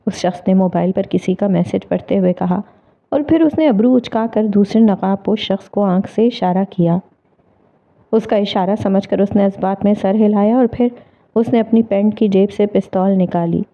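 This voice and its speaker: A woman narrating a dramatic novel in a measured, expressive storytelling manner. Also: medium pitch. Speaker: audiobook narrator. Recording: tinny phone-like audio.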